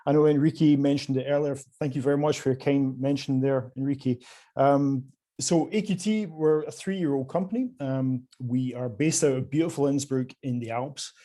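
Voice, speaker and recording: A Scottish man with a mid-range voice and warm tone speaks at normal speed over a video call. He's a company sales director presenting his firm at an online conference, polite and often hesitating with fillers.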